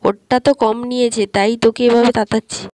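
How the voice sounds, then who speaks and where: A woman's voice: a little high, level tone, fairly quick, dark tone, no room sound, studio quality, close to an everyday voice. A woman voicing a boastful, teasing little girl doll in a doll story.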